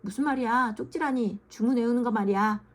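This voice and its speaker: Storybook: woman doing a frowning, no-nonsense little classmate with a high voice. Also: brisk, natural voice. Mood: questioning. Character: frowning, blunt young schoolgirl classmate.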